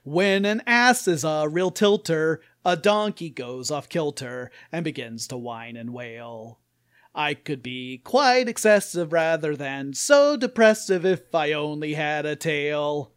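A depressive toy donkey, played by a man, mopes along in a slow drone. He sounds resigned to everything. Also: fairly high pitch, lively intonation, a little mellow. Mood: singing.

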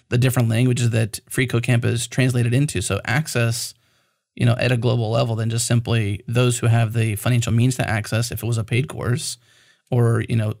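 A man's voice: medium pitch, gravelly, darkish tone, dry recording, clean studio sound. A man hosting a podcast, asking rambling, conversational questions in a casual interview. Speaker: podcast host.

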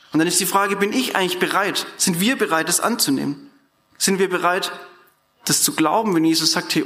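A man preaching a sermon in an animated, colloquial way, speaking directly to his congregation in a church hall. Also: high voice.

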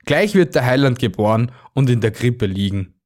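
A man's voice: mid-range voice, animated, normal speed, a little mellow, natural voice. Man playing a kind, encouraging archangel. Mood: joyful. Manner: friendly and encouraging. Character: kind, caring male archangel.

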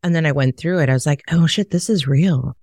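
A middle-aged woman co-hosts a podcast, speaking candidly in a relaxed chat as she recounts stories from her own work. Her deep, slightly mellow voice moves fairly quickly, captured in studio quality with no room sound.

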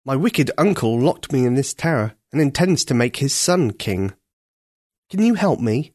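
A sorrowful young prince locked in a tower, noble and plaintive, formal in his speech, as a man reading aloud puts him on. His pitch is only slightly raised and moves about a lot. The recording is close and dry. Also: expressive, normal speed, darkish tone, no echo, lightly acted. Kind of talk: storybook read-aloud.

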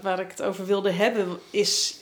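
A young woman, a podcast guest, chatting in a relaxed, easygoing way. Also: medium pitch, normal speed. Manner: relaxed, laughs often. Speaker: guest, host's partner. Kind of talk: casual chat.

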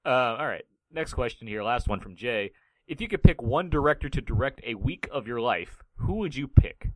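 A man's voice: mid-range voice, expressive, normal speed, no echo. A man hosts a casual podcast with a playful, joking manner. His voice rises and falls a lot as he talks. The sound is dry and close to the mic. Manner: playful, reads quotes in put-on impressions. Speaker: podcast host. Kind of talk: casual podcast chat, running a quiz.

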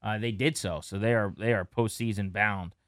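A man co-hosting a casual sports podcast, chatty and relaxed as he runs through stats. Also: lowish voice, normal speed, no room sound, clean studio sound. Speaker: podcast co-host.

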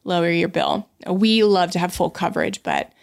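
A woman's voice: fairly low pitch, huge pitch swings, normal speed, vocal fry. A woman co-hosting a podcast in casual chat, talking with many fillers and acting out quoted exchanges. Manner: conversational, many "um"s, acts out quoted dialogue. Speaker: podcast co-host. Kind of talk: casual chat about personal finance.

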